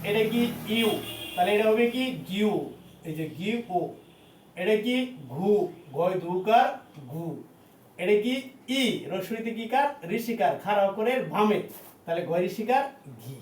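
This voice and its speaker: A man teaching a language class, slowly sounding out and repeating syllables for his students. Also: sits high. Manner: slow, repetitive drilling of syllables. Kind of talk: classroom lesson. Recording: echoey room, distant mic, faint noise.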